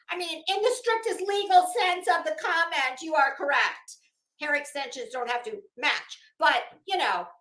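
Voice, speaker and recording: A middle-aged woman who hosts an online commentary show speaks in a high, slightly bright voice, offering casual, opinionated takes with sass and sarcasm. She stretches out words for dramatic effect, and the recording sounds roomy and echoing.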